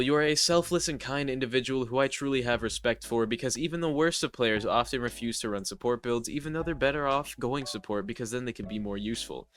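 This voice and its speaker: This gaming YouTuber roasts with scripted sarcasm in a voice-over, sounding stuffy and nasal because of allergies. His mid-range voice has a slightly bright quality.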